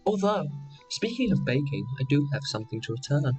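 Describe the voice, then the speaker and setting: A man voicing an earnest bird-person traveller in a tabletop game, with a husky voice and terse delivery. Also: a little high, big pitch swings, a little mellow, soft background music. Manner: terse, deliberate declarations. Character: kenku bird-person traveller, earnest, devoted old friend. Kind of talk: tabletop role-play character voice.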